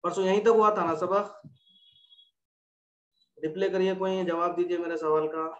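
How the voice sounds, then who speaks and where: A man's voice: high voice, flat delivery, moderate pace. A man teaching an online Quran recitation class, patiently repeating letter drills and quizzing his students. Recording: echoey room, dull lo-fi sound.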